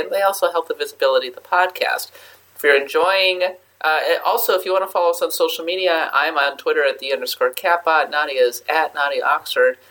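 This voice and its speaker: Bright-voiced woman podcast host. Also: low-pitched, rough recording. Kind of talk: casual podcast banter.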